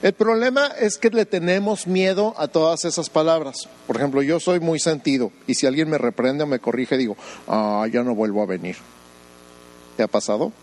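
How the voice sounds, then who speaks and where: A man's voice: fairly high pitch, brisk, few pauses, a little mellow, rough recording. A man, preaching a sermon as pastor, firing rhetorical questions at the congregation and breaking off into humorous asides. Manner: acts out voices of doubters in quoted asides.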